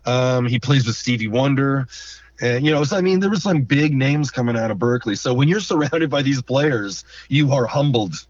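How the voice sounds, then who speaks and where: A male drummer recounts his career in a relaxed, animated interview voice. He slips into quick impressions of the people he quotes. The sound is muffled and set back from the microphone. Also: medium pitch, dry recording. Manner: animated storyteller who acts out quoted voices and hums drum rhythms. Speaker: guest drummer. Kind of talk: casual storytelling interview. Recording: distant dull lo-fi mic.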